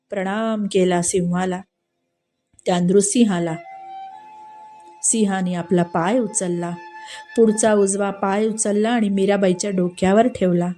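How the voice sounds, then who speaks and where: Woman, storyteller, devotional tale, animated, repeats phrases, mellow voice, faint music. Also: mid-range voice.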